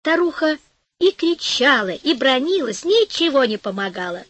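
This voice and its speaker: Woman narrator, fairy tale audiobook, high lively voice, slow, dry close studio sound. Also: no room sound. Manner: gentle, expressive storytelling.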